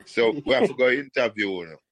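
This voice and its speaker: A Jamaican man hosting a podcast, steering the casual patois talk with quick restarts. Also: mid-range voice, lively intonation, fairly bright tone, no room sound. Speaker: podcast host.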